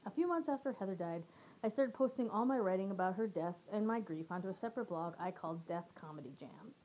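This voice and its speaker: A woman in her forties reads her own memoir aloud, the way a comic would. Her delivery is dry and deadpan, with the jokes tucked into plain statements. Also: mid-range voice, fast talker, muffled recording, a little hiss or hum. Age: 40s. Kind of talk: reading a personal essay aloud.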